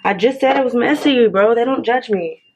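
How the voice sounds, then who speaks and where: A woman's voice: on the high side, normal speed, darkish tone, slight background noise. A woman chatting playfully in casual slang as she films a beauty vlog in a hotel room on a camera mic. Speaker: beauty vlogger.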